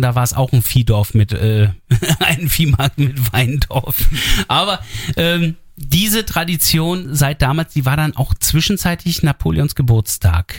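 A man's voice: medium pitch, dry recording, clean studio sound. A man from northern Germany hosting a regional radio talk, asking chatty questions with fillers. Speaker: radio host. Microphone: studio microphone.

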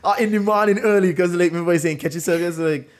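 Talking fast in a high-pitched voice, this quiz host runs a casual true-or-false game. His storytelling is lively and littered with "like."

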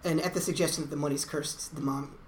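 A woman's voice: deep voice, fairly even intonation, quick pace. A woman co-hosting a podcast, dryly retelling a TV episode in casual chat. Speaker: podcast co-host. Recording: echoey room, faint hiss.

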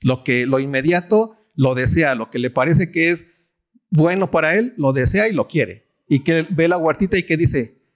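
A man's voice: on the high side, moderate pace. A man with a Mexican accent leading a Bible study, asking questions and letting listeners fill in the answers. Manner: asks questions and lets the audience fill in. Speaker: pastor teaching a Bible study. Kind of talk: sermon.

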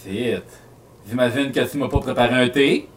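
A man's voice: medium pitch, normal speed, distant mic, a little hiss or hum. A man with a Quebec French accent, joking and swearing as a tabletop player. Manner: jokey, swearing.

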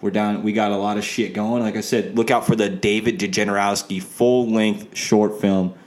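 A man's voice: lowish voice, little pitch movement, moderate pace, darkish tone. A man in his twenties co-hosting a podcast, rambling casually, swearing often and repeating himself. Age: 20s. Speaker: podcast co-host.

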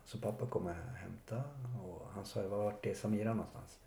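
Low gravelly man. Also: steady tone, dark tone. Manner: halting, reflective, many pauses and fillers. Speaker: interviewee. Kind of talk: personal life story interview. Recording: echoey room with faint noise.

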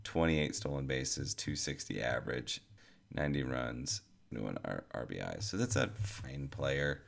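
A very deep-voiced man with a gravelly edge talks fantasy baseball in a casual chat. He is dry and deadpan, trading quips and listing off stat lines. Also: a little slow. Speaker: fantasy baseball podcast co-host.

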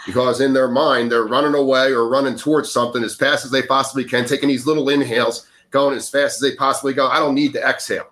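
A man's voice: medium pitch, level tone, quick pace, hardly any pauses, a bit bright. A man speaking earnestly in a casual podcast conversation, coaching listeners on breathing, sometimes growing emphatic. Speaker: breathwork guest.

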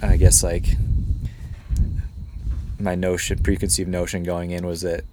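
A man talking casually on a podcast, relaxed and trailing off with lots of fillers. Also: low voice, measured pace, background noise. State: groggy from cold medicine. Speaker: podcast guest. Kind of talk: casual chat.

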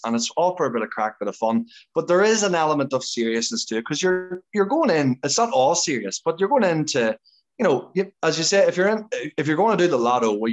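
An Irish-accented man chats as a podcast guest in a medium-pitched voice. He talks informally and with emphasis, often repeating words as he builds up a point. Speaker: podcast guest, competitive dancer. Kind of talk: casual conversational interview.

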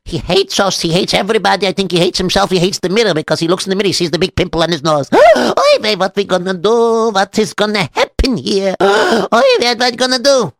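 A man voicing an excitable, gossiping male villager, repeating words frantically. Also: high-pitched, fast talker, hardly any pauses, no room sound, clean studio sound, voice pushed up. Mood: frantic.

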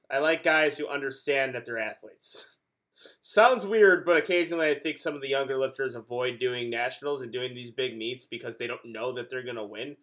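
A man's voice: mid-range voice, fairly bright tone. A man co-hosting a casual sports chat podcast, talking in an emphatic, enthusiastic way. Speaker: podcast co-host.

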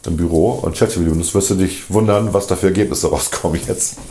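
A man's voice: sits low, quick pace, dark tone, slight background noise. A man hosting a casual podcast from a kitchen, fussing over correct pronunciation and often laughing. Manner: pedantic about pronunciation, laughs a lot. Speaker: podcast host. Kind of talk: casual chat. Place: home kitchen. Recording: echoey kitchen.

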